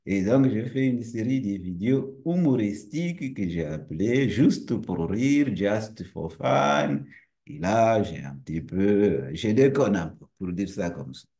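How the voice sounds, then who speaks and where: A male university lecturer and researcher, a native Portuguese speaker, explains a topic to camera in a relaxed, friendly manner. He asks rhetorical questions and often restarts phrases. His voice is low with vocal fry, and he keeps a measured pace.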